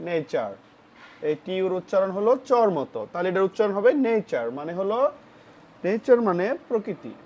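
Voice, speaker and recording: Teacher for a children's phonics lesson, patient and repetitive, mid-pitched voice, muffled recording. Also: lively intonation, moderate pace. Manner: spells words letter by letter and asks questions of the pupils; patient, repeats each word and its meaning. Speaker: English vocabulary teacher for children. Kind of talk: classroom-style phonics lesson.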